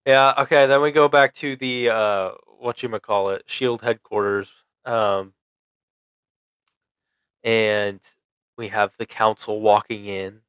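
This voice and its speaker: A man's voice: lowish voice, steady tone, takes it slowly, pauses often, fairly bright tone, smooth, no room sound. A man co-hosting a podcast, chatting casually and enthusiastically about a movie and laughing easily. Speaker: podcast co-host. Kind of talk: casual movie review chat.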